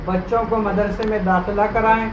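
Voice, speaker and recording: Halting male announcer from far off. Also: high voice, flat delivery, muffled recording. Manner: halting, with fillers. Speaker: announcer at religious school. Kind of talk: making announcements. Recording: roomy, distant, noisy.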